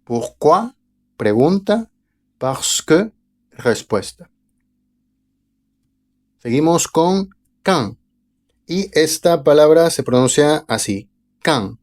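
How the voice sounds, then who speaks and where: A man teaching a language lesson online, reading example phrases slowly and carefully before explaining them. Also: on the high side, big pitch swings. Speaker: French teacher.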